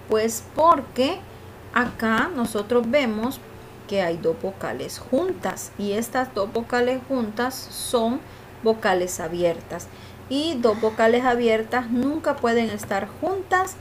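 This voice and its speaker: A woman's voice: on the high side, slight background noise. A woman teacher giving a review lesson, explaining patiently and often checking in with her students. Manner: slow, explaining patiently with filler "¿verdad?" and "eh".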